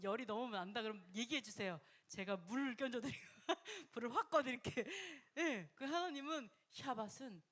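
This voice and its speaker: A woman preaching a sermon in a lively, conversational way, often laughing and acting out quoted voices, sometimes dropping to a whisper. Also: medium pitch. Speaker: pastor.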